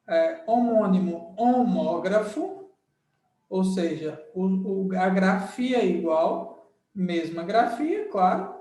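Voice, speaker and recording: A Brazilian Portuguese-speaking man teaching a grammar lesson, explaining slowly and repeating terms while checking understanding. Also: high-pitched, expressive, warm tone. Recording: echoey room.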